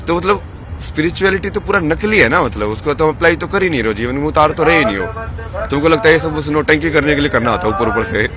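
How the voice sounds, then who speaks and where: A man's voice: on the high side, expressive, quick pace. A man giving rambling, impassioned answers in an outdoor interview, firing rhetorical questions. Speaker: interviewee, wandering ascetic. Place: outdoors at a busy festival ground. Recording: outdoor recording with loud crowd.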